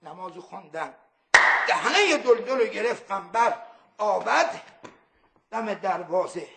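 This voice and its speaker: A man's voice: high-pitched, lively intonation, vocal fry, echoey room, heavy background noise. A man telling a devotional story, drawing out words and slipping into chant. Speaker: religious storyteller.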